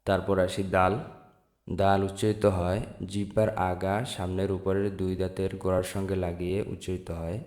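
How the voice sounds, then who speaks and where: A man from Bangladesh teaching the Arabic letters in a slow lesson, saying each sound and repeating it for viewers. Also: low voice, flat delivery, a little mellow. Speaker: Quran teacher. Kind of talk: slow step-by-step alphabet lesson.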